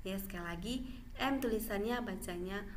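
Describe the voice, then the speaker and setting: A woman's voice: mid-range voice, a little hiss or hum. Woman teaching Mandarin sounds. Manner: slow, drawn-out model syllables with frequent "ya" check-ins. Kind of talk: classroom-style pronunciation lesson.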